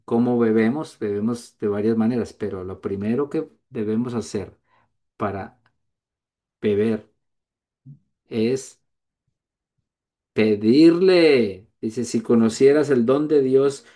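Man preaching to his congregation, warm mellow voice, earnest, goes high then soft. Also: a little slow, pauses often. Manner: earnest, rises high on quoted prayers, drops soft on tender lines. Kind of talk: sermon.

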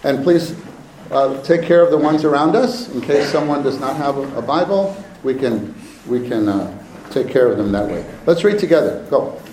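A man preaching a sermon at a pulpit microphone, slow and emphatic, often repeating his phrases. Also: mid-range voice. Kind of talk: sermon to a congregation. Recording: echoey hall with faint room noise.

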